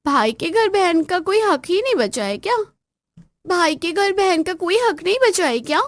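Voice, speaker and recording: A woman voices a pampered grown daughter in an acted family story, shrill, demanding and always complaining. Her voice sits very high and pushes loud. The sound is dry and close, with no room around it. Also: expressive, moderate pace, no room sound. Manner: shrill, nagging, commanding. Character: bossy spoiled adult daughter, shrill and demanding.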